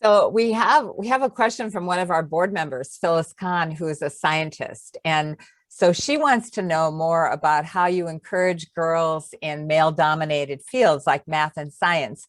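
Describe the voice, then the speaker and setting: Low-voiced woman moderator, dry sound. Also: a little slow, dry recording. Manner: careful, rephrases her questions. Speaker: webinar moderator. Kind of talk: moderating a webinar.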